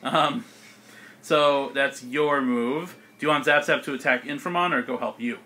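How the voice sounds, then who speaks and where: A man's voice: medium pitch, normal speed. A young man running a tabletop game as game master, narrating with lots of laughter. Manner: animated, laughing often.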